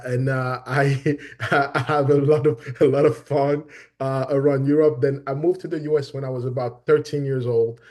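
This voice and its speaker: A man's voice: mid-range voice, a little mellow. A middle-aged man from Benin introducing himself eagerly in an online meeting over a video call, often repeating words. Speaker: new team member introducing himself.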